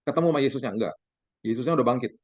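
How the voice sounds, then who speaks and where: Man preaching with lively storytelling. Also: medium pitch, very fast, dry recording. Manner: lively storytelling, acting out dialogue with the congregation. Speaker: pastor. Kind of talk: sermon. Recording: dull, dry sound.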